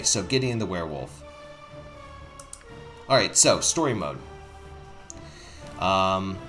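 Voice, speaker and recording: A man's voice: medium pitch, a bit bright. A man hosting a casual game playthrough, thinking aloud in a rambling way over music. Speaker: gaming video host.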